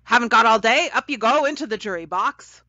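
A woman's voice: on the high side, lively intonation, a little fast, sharp tone, no room sound, lo-fi sound, pitched above the performer's own voice. A woman voicing an impatient, commanding woman judge in a wig in a read-aloud storybook.

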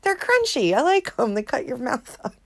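A woman's voice: fairly high pitch, lively intonation, fairly quick, creaky. Giggly rambling woman vlogger. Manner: rambling, giggly, self-mocking. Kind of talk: casual chat, reading out messages.

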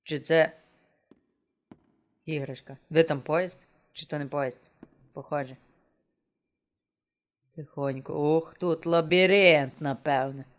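A man's voice: fairly high pitch, fairly even intonation, measured pace, long pauses. A man streaming a game and chatting casually to himself, joking as he plays. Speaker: gameplay streamer. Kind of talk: casual let's-play commentary. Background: game music.

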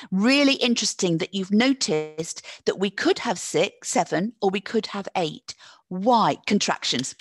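Woman, webinar presenter; encouraging, teacherly, very lively intonation. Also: medium pitch, no echo. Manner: encouraging, reads chat answers aloud and praises them; lively teacherly delivery with drawn-out stressed words. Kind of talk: live online teacher-training webinar.

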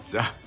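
A man hosting a casual vlog, slowly walking through a display of his own builds and admiring them, with many filler words. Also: fairly high pitch, bright, forceful tone. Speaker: model builder and channel host. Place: indoor exhibition cafe.

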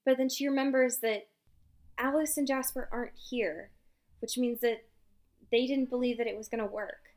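On a book podcast, a young female co-host gives a chatty chapter recap, with plenty of swearing and laughter. Her voice is a little high and darkish, steady in tone, at a normal speed.

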